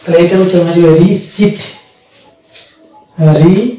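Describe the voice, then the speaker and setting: A man teaching an English pronunciation lesson, explaining slowly and repeating each word. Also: high voice, fairly even intonation, dark tone, very echoey, recorded from a distance, soft background music, low-quality recording. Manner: slow, repetitive explaining with fillers.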